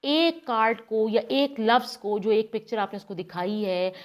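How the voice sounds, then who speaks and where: A woman, guiding parents step by step and demonstrating words slowly. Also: fairly high pitch. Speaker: speech therapy guide for parents. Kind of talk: instructional demonstration.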